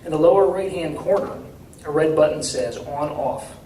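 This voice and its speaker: In a fairly high, warm voice, a novelist reads his literary fiction aloud indoors at a university, narrating dramatically in the first person with measured deliberation. The mic sits at a distance, so the room sounds echoey and faint noise comes through.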